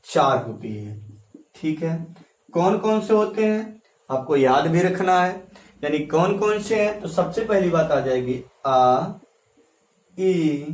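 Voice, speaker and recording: A male teacher giving a classroom lecture, repeating key phrases slowly and quizzing his students as he writes on a board. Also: fairly high pitch, darkish tone. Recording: echoey room, voice from a distance.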